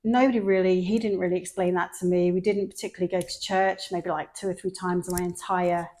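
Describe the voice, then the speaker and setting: A woman's voice: lowish voice, fast. A middle-aged woman from England with a mixed London and Sheffield accent, telling her story as a podcast host in casual chat. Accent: mixed London and Sheffield English. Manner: chatty storyteller, lively quoted voices.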